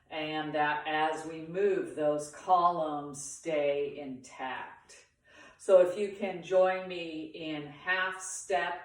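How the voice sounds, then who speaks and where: A woman teaching a beginners' tai chi class, guiding movements in short, paused instructional phrases. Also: low-pitched. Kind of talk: guided movement lesson for beginners. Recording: very echoey room, far from the mic.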